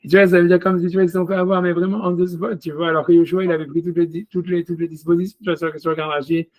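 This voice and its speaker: A man teaching a relaxed one-on-one study session over a video call. His voice sits a little high for a man, and he keeps checking in with "you see" as he goes. Every so often he switches to reading Hebrew verses aloud. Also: racing, dull audio. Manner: chatty, peppers every phrase with "you see"; reads scripture aloud in chanted Hebrew phrases. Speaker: rabbi teaching a text study. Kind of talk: casual one-on-one text study.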